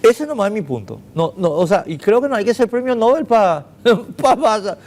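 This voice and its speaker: A man with a somewhat high voice hosts a studio debate, pressing his case with emphatic statements. He sets up rhetorical questions and then answers them himself. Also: big pitch swings, moderate pace, a little mellow. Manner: argumentative and emphatic, makes points with rhetorical questions. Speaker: talk show host.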